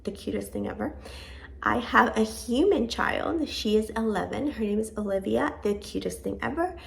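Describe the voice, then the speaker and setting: A woman in her thirties, about to turn forty, chats casually to camera for a home vlog, rambling and self-deprecating. Born in Venezuela and raised in Georgia, she has a creaky voice on the high side, with lively intonation and a moderate pace.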